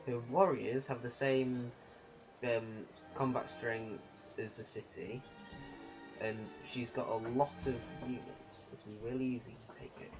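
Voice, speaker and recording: A man giving unscripted commentary on a strategy game, thinking aloud in a halting way. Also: medium pitch, flat delivery. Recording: muffled lo-fi recording with music. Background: music.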